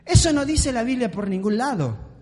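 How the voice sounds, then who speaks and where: A man preaching a sermon in a church and talking directly to the congregation. He is animated and acts out the voices he quotes. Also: extremely high pitch, moderate pace. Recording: long hall reverb.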